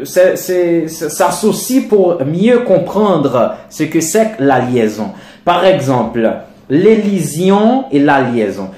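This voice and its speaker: Man, teacher, slow deliberate lecture, slightly high voice, echoey room. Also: a little mellow. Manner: slow, deliberate, repeats examples for emphasis. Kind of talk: lecture on French pronunciation.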